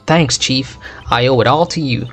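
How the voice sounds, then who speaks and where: A man's voice: mid-range voice, moderate pace, a bit bright, soft background music, lightly acted. A man voicing an earnest young male defense lawyer in a courtroom game, polite and upbeat.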